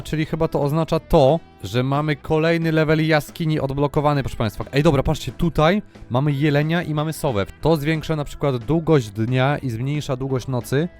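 A young man giving lively, excitable commentary while playing a video game and talking to his viewers. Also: medium pitch. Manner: exclaims often, addresses the audience. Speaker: gaming YouTuber. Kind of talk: excited Let's Play commentary.

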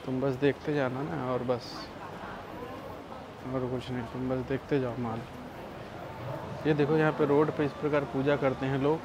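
A man's voice: medium pitch, level tone, moderate pace, pauses often, muffled recording. A man filming a travel vlog, walking a busy outdoor street and making crude jokes about what he sees. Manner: crude joking street commentary. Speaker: travel vlogger. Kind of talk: casual walking vlog commentary. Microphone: handheld camera. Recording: street noise.

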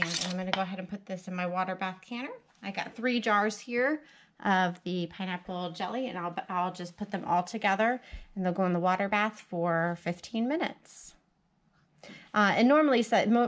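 The recording is poor, carrying a woman's mid-range voice. She's a home cook who vlogs about homesteading, casually talking through a cooking project in her kitchen with practical chatter as she thinks out loud, and the camera is positioned above her stove and counter.

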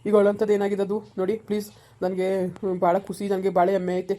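Woman voicing a young village soldier son, soothing, rapid talk, mellow tone. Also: mid-range voice, level tone, close to an everyday voice. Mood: consoling. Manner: soothing, consoling. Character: young male village soldier, earnest and gentle. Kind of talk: village family drama acting.

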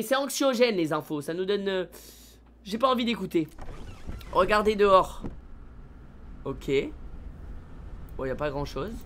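A man live-streaming a video game, excitable and slangy, talking straight to his chat. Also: high-pitched.

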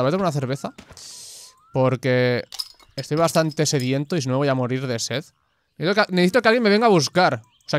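Excitable gamer man. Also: on the high side. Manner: excitable, swears often, shouts at the screen. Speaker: gameplay commentator. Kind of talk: gameplay commentary.

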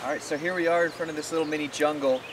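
Rapid-fire and steady in tone, this man's voice sits on the high side. In his thirties, he explains things plainly and casually, farmer-vlog style, out on a farm, with background noise and hiss in an otherwise clear recording.

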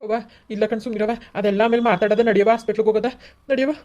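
A woman's voice: mid-range voice, steady tone, rapid-fire, a little mellow, muffled recording, close to an everyday voice. A woman voicing a grown son in a cartoon family drama, soothing and urging his mother. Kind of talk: cartoon voice acting.

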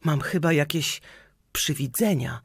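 A weary, frightened coachman from an old legend, voiced by a man. His voice is pushed higher and exclaims in alarm. Read slowly, with a dry, close sound, like a storybook told aloud. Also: gravelly, breathy edge, no room sound, exaggerated voice. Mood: puzzled. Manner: exclaiming, raised pitch. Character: frightened middle-aged male coachman, weary.

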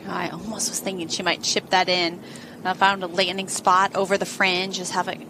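A woman's voice: on the low side, level tone, normal speed. A woman giving live golf commentary as an analyst, explaining shots in a conversational way. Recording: outdoor course ambience noise behind voice.

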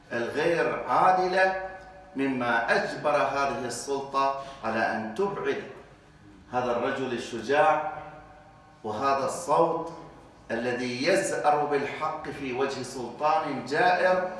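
A man's voice: mid-range voice, a bit bright. Male rally speaker, impassioned oratory, recorded far off with faint background noise. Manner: impassioned oratory with rising emphasis. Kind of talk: political speech. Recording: heavy echo, distant mic, faint noise.

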